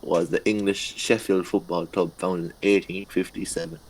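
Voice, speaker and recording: A young man with a very low voice reads out trivia in a halting, stumbling way on a casual podcast. Faint noise sits under the recording. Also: steady tone, poor audio. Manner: halting, stumbles over facts. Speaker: podcast co-host. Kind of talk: casual chat.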